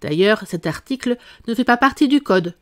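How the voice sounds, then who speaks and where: A woman's voice: a little high, expressive, moderate pace, natural voice. Woman voices young girl heroine, frank, defiant, storybook. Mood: indignant. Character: bold, indignant young girl Alice.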